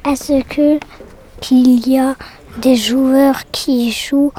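A woman's voice: high voice, fairly even intonation, drawn-out words, warm tone, slight background noise. A woman interviewer asking short, careful questions.

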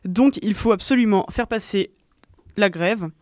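Une jeune femme, co-animatrice d'une émission de radio, qui explique un sujet en hésitant souvent. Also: female voice, medium pitch, measured pace, dry recording, clean studio sound. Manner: hesitant, many fillers. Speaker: co-host. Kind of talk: radio show presentation.

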